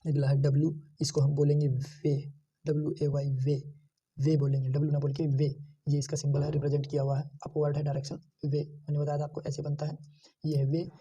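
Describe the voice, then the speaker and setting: A man teaching shorthand, slowly repeating each sound and pointing out how every stroke is drawn. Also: on the high side, monotone, dark tone, breathy edge, far from the mic. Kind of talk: screen-share lesson.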